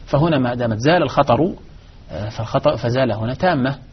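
A man teaching Arabic grammar in a live lesson, explaining in a measured way with frequent restarts. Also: mid-range voice, slightly rough. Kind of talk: live lesson answering questions. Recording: dull lo-fi recording.

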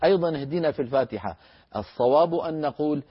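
A husky-voiced man teaching recitation in a televised lesson, chanting verses slowly and isolating single sounds to demonstrate them. His voice comes through dull, lo-fi broadcast audio. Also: a little high, animated.

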